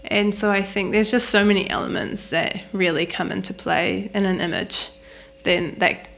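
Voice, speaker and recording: A woman's voice: medium pitch, steady tone, moderate pace, creaky, a bit bright, a little hiss or hum. A young woman from New Zealand with a Kiwi accent, a wedding photographer chatting casually in an interview with lots of "like" fillers. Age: young adult. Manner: chatty, many "like" fillers, laughs easily. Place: flat at home.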